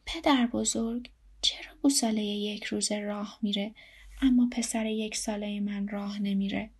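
A woman voicing a simple-hearted young mother who dotes on her little son, with bright, eager replies. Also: mid-range voice, vocal fry, breathy edge. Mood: worried.

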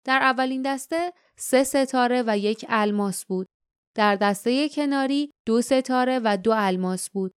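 Smooth high-voiced woman narrating. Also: dry recording, studio quality. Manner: steady storytelling. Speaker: audiobook narrator. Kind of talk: scripted audiobook narration.

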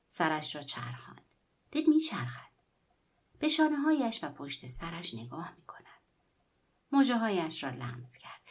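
A woman reading a literary story aloud in a hushed, whispery narrating voice. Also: on the low side, slightly rough. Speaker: story reader.

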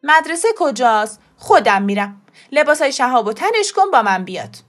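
مادربزرگ پیر و زرنگ با صدای یک زن. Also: female voice, high voice, sing-song, faint music behind. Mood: firm. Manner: brisk, coaxing and emphatic. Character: bold scheming grandmother, old woman.

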